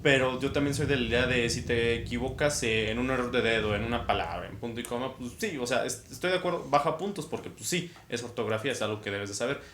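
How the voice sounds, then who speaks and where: A young man, a podcast co-host in casual conversation who tells stories lively and acts out other people's voices. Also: mid-range voice, fast talker, few pauses. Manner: animated storyteller who acts out teachers' voices. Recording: echoey room with faint noise.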